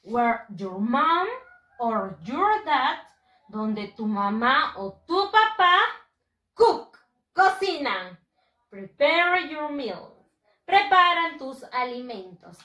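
A woman teaching English to young children, drilling words slowly in a sing-song way with lots of praise. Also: sits high, big pitch swings, pushed and bright, reverberant, far from the mic, rough recording. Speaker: primary school English teacher. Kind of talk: bilingual lesson for young children.

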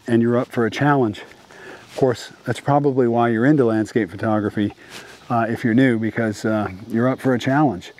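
Outdoors at dusk, a middle-aged man with a darkish mid-range voice vlogs landscape photography tips. He talks casually, full of fillers and restarts.

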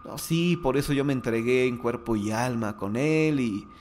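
A man's voice: medium pitch, moderate pace, a little mellow, slight background noise, close to an everyday voice. Man playing a distraught young woman ghost, lamenting her lost love.

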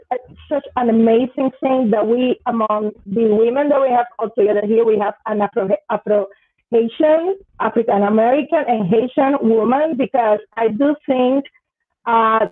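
A woman who researches dance, speaking thoughtfully on a video call, pausing often with "uh". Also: fairly high pitch, no echo. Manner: thoughtful, hesitant with many "uh"s. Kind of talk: panel discussion on video call. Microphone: laptop mic on video call. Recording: dry tinny phone-like audio.

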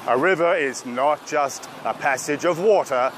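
A man's voice: a little high, a little slow, fairly bright tone. An older man hosting a casual travel vlog, chatting wryly with passengers and narrating in a reflective tone. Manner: chatty, wry interviewer. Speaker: vlogger host. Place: tuk-tuk and outdoor temple grounds. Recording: outdoor recording with clear street noise.

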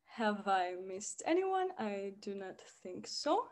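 A woman from Romania chairing a debate on a video call, friendly and measured, with some fillers. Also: medium pitch, sing-song, darkish tone. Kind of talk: formal introductions over video call.

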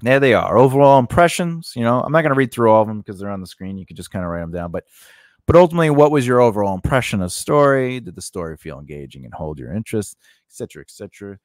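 Talking fast in a fairly low voice with lively intonation, a man in his forties runs an informal screenwriting lesson. His conversational rambling is studded with "you know" and "right?" He works close to a large condenser mic on a boom arm in a small home studio, with no echo.

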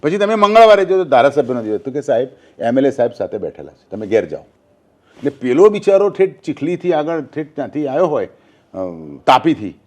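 A man's voice: mid-range voice, very animated, brisk, darkish tone. An older man from Gujarat, a former newspaper journalist, talking politics in an interview and telling anecdotes, acting out quoted speech.

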